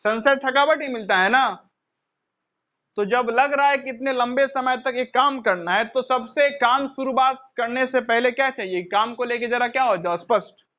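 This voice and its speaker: A man with a strikingly high voice lectures students in an earnest, explanatory way. He keeps asking his listeners questions, then supplies the answers himself, and calls them children. The recording sounds muffled and lo-fi. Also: pushed and bright. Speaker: teacher. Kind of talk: motivational classroom lecture. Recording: dull lo-fi recording.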